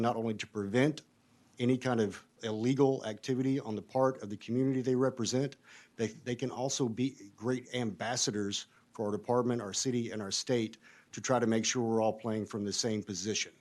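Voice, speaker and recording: A man testifying before a committee in a measured, explanatory way. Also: on the low side, darkish tone.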